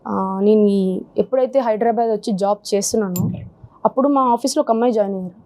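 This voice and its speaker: A woman in her twenties with a mellow, mid-range voice speaks fast as a guest sharing her problem in a confessional interview. She tells her personal story earnestly, though with some hesitation.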